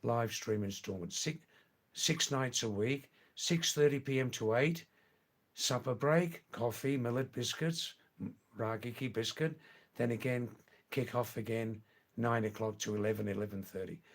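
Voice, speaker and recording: A live stream is hosted by an older man with a medium-pitched voice. He chats easily with his viewers and takes their comments slowly, rambling and repeating himself.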